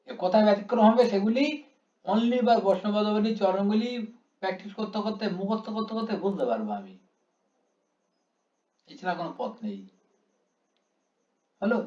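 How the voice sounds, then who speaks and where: A man's voice: sits high, a little mellow. A man teaching a class, explaining step by step and drawing out syllables to show how long they are. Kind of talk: classroom lecture. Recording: echoey room, dull lo-fi sound.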